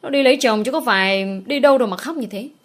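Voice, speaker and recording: A woman voicing a gruff older village husband who talks in a blunt, scolding way. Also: mid-range voice, moderate pace, lightly acted.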